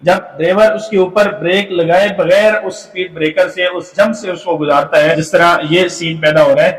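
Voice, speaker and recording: A man teaching a tajweed lesson from slides, explaining patiently with filler pauses and sounding out demonstration syllables. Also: high-pitched, steady tone, a bit bright, echoey room, far from the mic, poor audio. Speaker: Quran recitation teacher.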